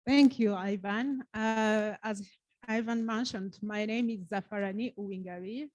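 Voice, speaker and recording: Female panelist from Rwanda, slow and unhurried, dry close sound. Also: medium pitch, steady tone, a little mellow, dry recording. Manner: unhurried, with frequent uhs. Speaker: researcher, panelist. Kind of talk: conference self-introduction.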